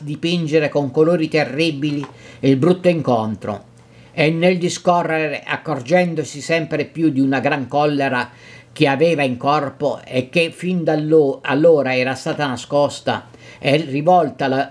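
Italian man reading a classic novel. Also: a little high. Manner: measured reading with occasional slips and restarts. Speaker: narrator.

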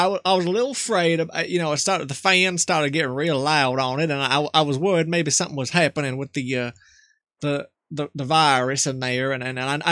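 A man's voice: on the high side, fairly bright tone, no echo. A man plays a folksy old country fellow baffled by computers, in a raised voice. He stammers, rambles and repeats his words, flustered in a prank-call comedy way, on a dry close mic.

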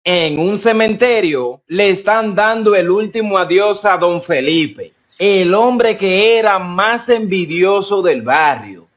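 Slow high-voiced joke narrator. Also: male voice, animated. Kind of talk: comic storytelling narration.

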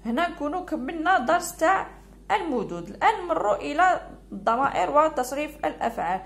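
A woman teacher with an Algerian Arabic accent, walking pupils through a lesson and stretching out key words slowly. She is recorded at home, with a faint hum. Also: sits high, very animated. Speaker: primary school teacher.

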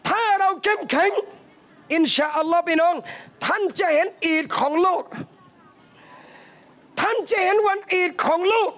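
A man from southern Thailand preaching a lively sermon to a live audience, telling animated stories and calling his listeners brothers and sisters. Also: very high voice. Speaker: Islamic preacher. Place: cafe hall, live talk.

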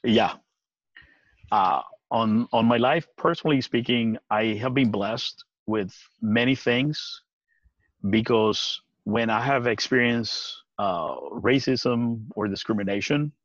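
Over a video call, a guest in his forties from Puerto Rico chats earnestly in a casual interview, with lots of laughter and halting restarts. He's outdoors on a deck near trees, his pitch medium. The webcam recording is dry, dull, and lo-fi, with no room sound.

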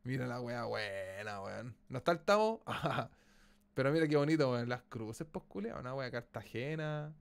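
A man with a Chilean accent giving live gameplay commentary as a streamer, excitable, exclaiming and swearing casually. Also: medium pitch, moderate pace, creaky, smooth.

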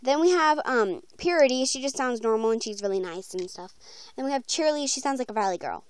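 Animated and a little fast, a young woman with a slightly high, smooth voice tells her viewers about voice auditions in a rambling, slangy vlog. There's no room sound, though she's recording on a handheld phone held close in her bedroom at home.

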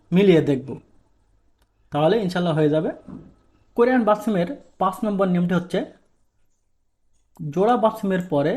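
A man's voice: sits high, a little mellow. A man from Bangladesh teaching a language lesson, asking questions and answering them himself, repeating the key points. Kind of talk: explaining a lesson.

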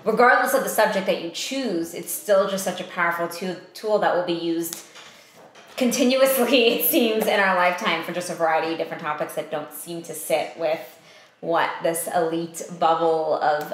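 A young woman, a theatre company co-founder, chatting casually and asking questions in a relaxed way. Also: fairly low pitch. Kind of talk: casual conversation. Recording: very echoey room.

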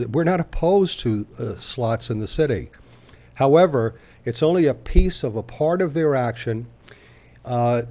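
An older man giving public comment at a city council podium microphone, talking conversationally with many halting pauses. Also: medium pitch, warm tone.

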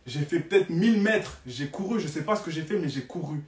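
A young man telling a story on a live stream in an animated, dramatic way, repeating phrases for emphasis. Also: a little high, fairly quick, a little hiss or hum. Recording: roomy, distant from the mic.

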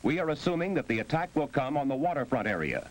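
An actor playing a grave, formal radio announcer giving a 1950s civil defense broadcast. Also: male voice, mid-range voice, very animated, fast talker, natural voice. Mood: grave, urgent. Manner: grave, formal bulletin delivery. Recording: old 1950s film soundtrack, faint noise.

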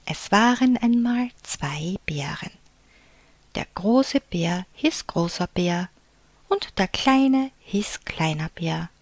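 A woman reading a picture book aloud to children in a soft, unvoiced whisper, as a whispered storybook reading. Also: on the low side, expressive, slow, no echo.

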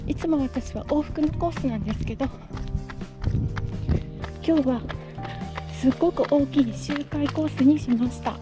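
A woman's voice: high-pitched, normal speed, long pauses. A young woman casually narrating her run on a country road into a body-worn camera, chatty and giggling often. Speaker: vlogger. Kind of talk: casual running vlog narration. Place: outdoors on a country road while running. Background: music.

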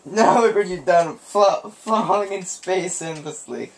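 A man's voice: high voice, unhurried. A young man chatting casually and swearing while playing a video game on a couch indoors. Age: teens or young adult. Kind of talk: casual gameplay banter with swearing. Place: small room indoors on a couch. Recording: noisy room recording with game audio.

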